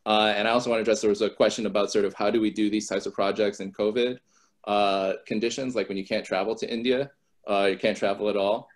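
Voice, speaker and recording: A man's voice: fairly low pitch, flat delivery, quick pace. A man moderating a webinar Q&A over a video call, hesitant and full of fillers. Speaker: seminar moderator. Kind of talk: casual Q&A moderation.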